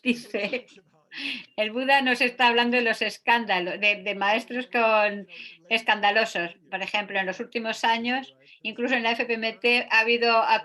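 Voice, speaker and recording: Bright-voiced woman teaching a sutra. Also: mid-range voice. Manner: hesitant, many filler sounds, reads passages aloud. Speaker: Buddhist teacher or interpreter.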